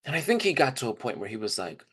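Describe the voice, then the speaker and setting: Talking fast, a man with a husky, fairly bright mid-range voice and huge pitch swings delivers a dramatized first-person tale. It's casual and reflective, told conversationally, with quoted dialogue acted out.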